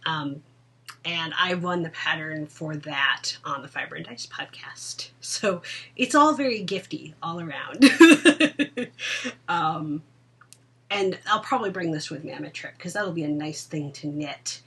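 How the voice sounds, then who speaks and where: A woman co-hosting a casual podcast chat, laughing often and dropping into soft asides. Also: low-pitched, measured pace, breathy edge, distant mic. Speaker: podcast co-host. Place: indoor room at home.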